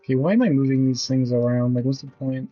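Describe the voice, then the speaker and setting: A man's voice: medium pitch, fast, mellow, dull audio, soft background music. A man in his twenties streaming a video game, talking casually with blunt, rambling commentary and casual swearing. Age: 20s.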